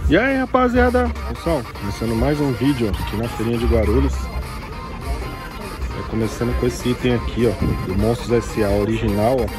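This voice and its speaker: A man's voice: mid-range voice, expressive, normal speed. A man with a Brazilian Portuguese accent, casually and eagerly showing off toys at an outdoor street market while filming on a handheld phone. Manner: casual, enthusiastic, constantly pointing things out. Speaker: vlogger browsing toy stalls. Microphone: handheld phone camera. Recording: outdoor street with music and traffic.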